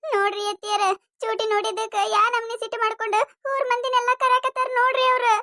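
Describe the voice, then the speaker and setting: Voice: extremely high pitch, little pitch movement, fast talker, sharp tone, full character voice. A voice actor playing a wailing, complaining village vegetable seller with a North Karnataka accent in a cartoon comedy.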